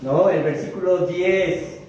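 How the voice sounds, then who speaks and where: A male pastor with a Mexican accent preaches to his congregation, stretching out important words and often asking them to agree. His voice sits high for a man. The recording sounds dull and distant, with heavy church echo. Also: darkish tone, a little hiss or hum. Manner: addresses the congregation, often tags "¿verdad?"; slow, emphatic phrasing of key words. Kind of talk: sermon. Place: church sanctuary. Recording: very echoey hall, mic at a distance, dull sound.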